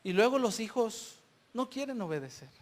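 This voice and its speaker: A man with a Mexican accent preaching a sermon, reading scripture loudly and dropping to hushed asides. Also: high voice, big pitch swings, moderate pace. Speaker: lay preacher.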